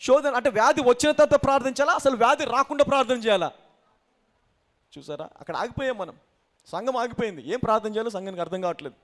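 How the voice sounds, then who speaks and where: A man's voice: very high-pitched, fast talker, a bit bright. A man preaching a sermon as pastor, exhorting the congregation with questions, an in his English phrases, and repeated hallelujahs.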